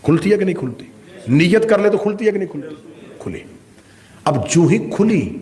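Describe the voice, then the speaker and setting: A man's voice: sits high, sing-song, a little mellow. A middle-aged man preaching a sermon to a gathering, impassioned and full of rhetorical questions. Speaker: Shia cleric giving a majlis.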